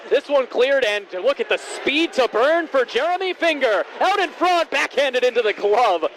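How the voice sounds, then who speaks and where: A man with a high-pitched voice gives live hockey play-by-play. He breaks into excited, raised calls when chances come. Faint rink noise sits behind him. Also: normal speed.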